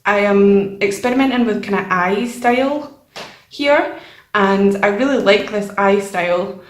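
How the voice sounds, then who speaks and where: A woman's voice: medium pitch, unhurried. A young woman chatting casually and a little hesitantly as she hosts a vlog, informal and self-deprecating, recorded in a bare, echoey room. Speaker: channel host showing a sketchbook. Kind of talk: casual chat, vlog voice-over. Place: nearly empty room indoors with only a desk.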